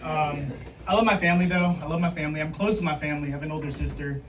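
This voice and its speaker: A man doing a stand-up comedy set with dry, deadpan one-liners and an understated delivery, with audience laughter between the jokes. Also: fairly high pitch, racing, a crowd in the background. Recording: distant mic, loud background noise.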